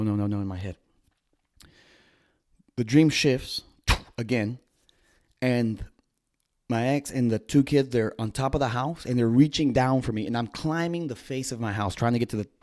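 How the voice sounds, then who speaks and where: A man in his thirties casually telling his viewers a story, animated, with gasps, restarts and trailing phrases. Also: medium pitch. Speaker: vlogger.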